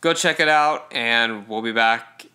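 A man hosting a podcast, chatting casually and relaxed about a film. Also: medium pitch, a little slow, background noise. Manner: relaxed, laughs easily. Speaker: podcast host. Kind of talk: casual film review chat.

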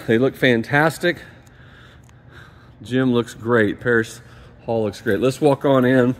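A man's voice: mid-range voice, slight background noise. Upbeat man filming a building tour. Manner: enthusiastic, rambling, often drops to a mutter. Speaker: parish staff member giving a building tour. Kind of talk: casual walkthrough narration. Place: large new school building, empty gym and halls. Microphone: handheld phone camera, speaker off screen.

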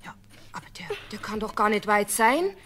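A stern but loving mother with a Bavarian accent, speaking firmly in a fairly high voice. She admonishes with exasperated patience in a 1970s radio-play style. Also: lively intonation, normal speed, a bit bright.

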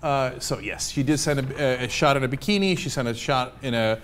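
A man's voice: medium pitch, brisk, a bit bright. A man hosting a casual news commentary show, talking bluntly and conversationally with frequent fillers. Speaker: host.

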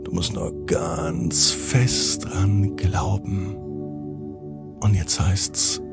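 A man narrating a bedtime story for children in a deliberate, expressive manner with drawn-out pauses. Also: deep voice, creaky. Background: music.

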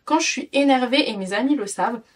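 Speaking from far off the mic, this tired twenty-something Frenchwoman has a slightly high, husky voice and a brisk delivery. She's a parenting vlogger rambling through a clothing haul video, full of fillers and false starts.

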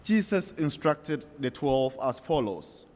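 Man reading slowly in a cathedral echo. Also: mid-range voice, sing-song, darkish tone. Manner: slow, solemn and measured. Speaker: gospel reader at Mass. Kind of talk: liturgical scripture reading. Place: large church. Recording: long church reverb, distant from mic.

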